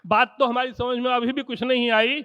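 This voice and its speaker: A man recites comic verse in a very high, strained-up register, with lines running on breathlessly. His pitch stays on a narrow, chanting level while he delivers it emphatically and theatrically. The recording is a little dull and lo-fi. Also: little pitch movement, normal speed, clean tone, big-room sound. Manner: emphatic, theatrical, addressing the audience. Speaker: poet reciting on stage. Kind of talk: rhythmic Hindi comic poetry recitation.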